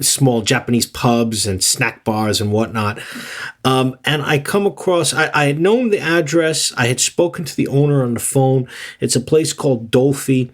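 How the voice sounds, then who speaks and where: A man co-hosting a casual podcast, telling a travel story in a rambling way with frequent "um" and "you know". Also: mid-range voice. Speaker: podcast co-host.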